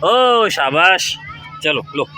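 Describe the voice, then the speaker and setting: A woman's voice: on the low side, expressive, very slow, bright, forceful tone, a little hiss or hum. A woman volunteer chatting cheerfully with small children outdoors in a park, coaxing and praising them as she hands out books. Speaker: charity volunteer handing out books. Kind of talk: casual chat with small children.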